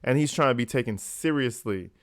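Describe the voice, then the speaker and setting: A man's voice: medium pitch, brisk, clean tone, no room sound. Casual male commentator, dry close sound. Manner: informal, swearing, incredulous. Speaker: reaction video host.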